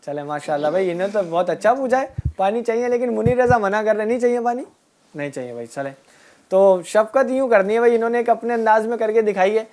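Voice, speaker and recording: A woman teaching a group of children, asking them questions and repeating their answers, and drawing out key words slowly. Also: a little high, expressive, mellow. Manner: asks a question, then repeats the answer back. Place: room with children and a passed microphone.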